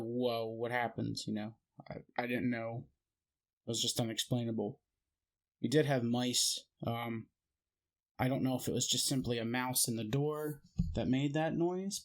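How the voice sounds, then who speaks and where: A man, host of his own channel, sits and tells his own spooky experiences in plain, everyday speech. He wanders from one detail to the next and stays matter-of-fact throughout. His voice sits at an ordinary middle pitch. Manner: meandering, matter-of-fact retelling. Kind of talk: casual personal storytelling.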